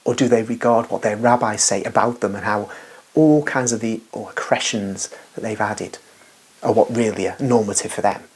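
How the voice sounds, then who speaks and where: A man talks through religious questions in a rambling, unscripted monologue. His voice sits a little low and sounds husky, and he leans hard on his points. He keeps breaking off for asides and restarting his sentences. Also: normal speed.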